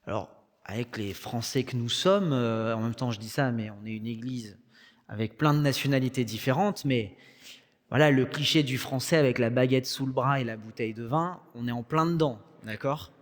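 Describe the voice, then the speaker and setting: A man's voice: mid-range voice, normal speed. A young man with a French accent preaching a sermon in a conversational way, with joking asides. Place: church hall. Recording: long church reverb.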